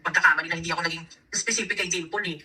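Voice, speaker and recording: Fast, bright-voiced woman vlogger. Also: fairly low pitch, fairly even intonation, far from the mic. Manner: earnest, lecturing, mixes English phrases. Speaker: vlog host. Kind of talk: casual family discussion.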